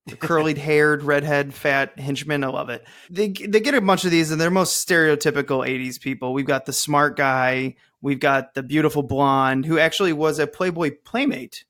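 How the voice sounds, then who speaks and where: A man's voice: a little high, moderate pace, hardly any pauses, a bit bright. A man hosting a podcast, reviewing a movie in casual, jokey, rambling chat. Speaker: podcast host.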